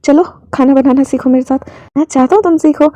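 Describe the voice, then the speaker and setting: A woman voicing a protective older brother who talks softly and haltingly while hiding his grief. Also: sits high, no room sound, lightly acted. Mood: gentle. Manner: soft, halting, choked.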